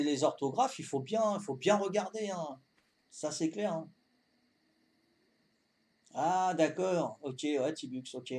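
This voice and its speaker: Fifty-something Corsican man streaming a game. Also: mid-range voice. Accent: Corsican French. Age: 50s. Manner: addresses viewers directly, tags sentences with "hein", repeats himself; calm, unhurried, talks to chat while playing. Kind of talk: live game stream chat.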